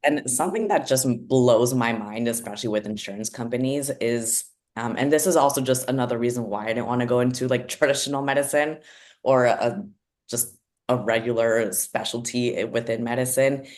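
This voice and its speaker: Woman guest on a podcast, animated, lots of "like". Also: extremely low pitch, moderate pace. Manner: animated, acts out reactions with "like" asides. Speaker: physician assistant guest. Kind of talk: casual podcast conversation.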